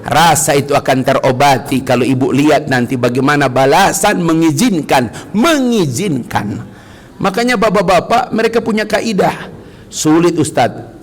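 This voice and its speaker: Animated male preacher. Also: normal speed. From Indonesia. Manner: animated, bursts into shouted high-pitched quotes, drops to soft murmurs. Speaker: ustaz preaching to a congregation. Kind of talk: sermon. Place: mosque hall.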